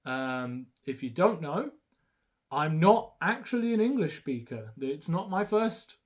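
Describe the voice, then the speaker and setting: A young man who is a YouTuber and speaks Romanian as his first language shows off a haul in a casual, hesitant way, with many ums and restarts. His voice is a little high and very animated, and he takes his time.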